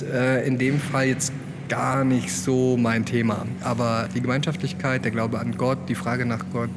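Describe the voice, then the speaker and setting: A young man, an art student, answering interview questions in a casual, hesitant way with many fillers. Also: mid-range voice. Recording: loud background noise.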